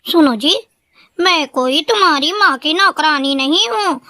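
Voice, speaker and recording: A woman voicing a spiteful young female crow, a daughter-in-law in a cartoon, who speaks in a sharp, scolding way. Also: very high-pitched, slow, dry recording, clean studio sound, voice pushed up, heavily acted. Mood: scornful.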